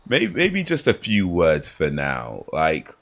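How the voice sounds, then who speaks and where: A man hosting a podcast, talking in a relaxed, rambling way with many fillers. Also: sits low, slow, vocal fry. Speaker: podcast host. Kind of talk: casual podcast chat.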